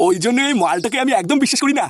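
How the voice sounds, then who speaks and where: A man's voice: very high voice, rapid-fire. A man voicing a grumpy, suspicious, foul-mouthed middle-aged father in a cartoon. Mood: grumbling. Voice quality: excitable, scolding, foul-mouthed. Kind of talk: cartoon voice acting.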